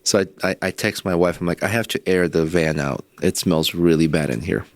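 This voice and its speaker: A man's voice: low-pitched, brisk, no room sound. A man co-hosting a casual podcast, telling a long story with profanity and frequent laughs. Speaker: podcast co-host.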